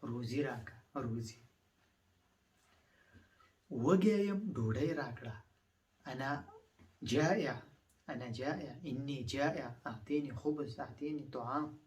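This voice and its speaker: A male language teacher with a mid-range voice, set back from the microphone. He repeats each phrase several times, then explains it slowly and stops often on thinking sounds. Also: medium pitch, far from the mic. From Afghanistan. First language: Pashto.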